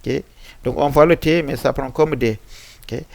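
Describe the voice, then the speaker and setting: A man teaching English pronunciation in French, slowly repeating example words with frequent hesitations and a West African French accent. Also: medium pitch, vocal fry, a little mellow, no echo. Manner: slow, repeating example words many times. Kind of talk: French-language pronunciation lesson on English sounds.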